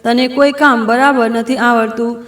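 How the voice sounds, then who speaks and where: A woman's voice: on the high side, fairly even intonation, moderate pace, echoey room, natural voice. Harsh scolding mother-in-law, read by a woman. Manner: shouting, commanding.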